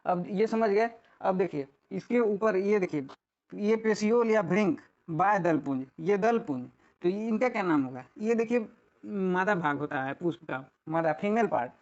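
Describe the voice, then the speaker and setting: A man with a fairly high voice teaches in a relaxed, conversational way, speaking. He repeats key terms and checks in often with his listeners. The recording sounds a little dull and lo-fi. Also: normal speed. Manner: repetitive, checks in often with filler tags. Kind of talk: casual classroom explanation.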